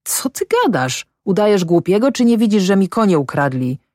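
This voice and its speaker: A woman reading aloud, voicing an angry middle-aged male peasant farmer who shouts accusations. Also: on the low side, expressive, normal speed, no room sound, studio quality. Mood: furious.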